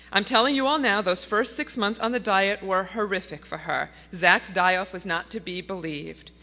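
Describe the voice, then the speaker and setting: A woman's voice: mid-range voice, bright, forceful tone. A middle-aged woman giving an earnest, pleading speech to an audience in a conference hall. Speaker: conference speaker. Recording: long hall reverb.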